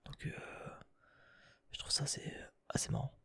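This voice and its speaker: A man's voice: a little slow, fairly bright tone. A young man whispering casual ASMR chat, hesitant and thinking aloud with many restarts and casual swearing.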